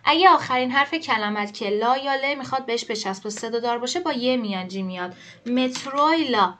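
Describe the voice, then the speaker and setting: A woman teaching an online language lesson. She explains quickly and reads the example sentences slowly and clearly. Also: a little high, expressive, sharp tone.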